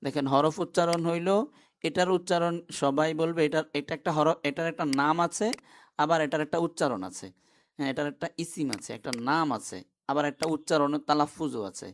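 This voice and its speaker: A man's voice: fairly high pitch, a little fast, slight background noise. A man teaching an online class, who explains step by step and keeps asking his students questions.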